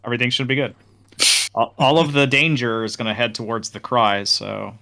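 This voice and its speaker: A man's voice: mid-range voice, fairly even intonation, fairly quick, vocal fry, sharp tone. A man playing in a tabletop game, talking casually and thinking aloud. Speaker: player.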